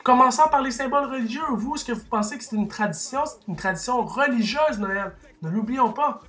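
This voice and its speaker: A man's voice: very high voice, fairly quick, sharp tone, soft background music. A man with a Québécois French accent delivers a heated opinion monologue. He talks emphatically and rhetorically, stumbling into restarts and fillers as he drives his points home. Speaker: vlogger.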